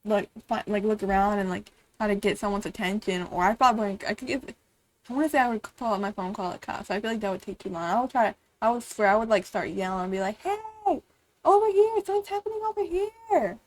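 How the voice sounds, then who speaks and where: A woman's voice: medium pitch, steady tone, fast talker, poor audio. A woman streamer reacting on a live stream, rambling with lots of "like" and "bro" and frequent swearing.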